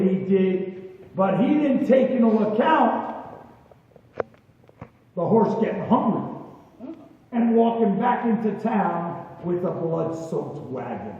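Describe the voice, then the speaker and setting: Casting: male ghost tour guide, high voice, theatrical folksy storyteller, heard distantly in an echoing room. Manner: dramatic, folksy old-time storyteller. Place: tour venue among a group of visitors. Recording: echoey reverberant room, distant mic, dull noisy audio.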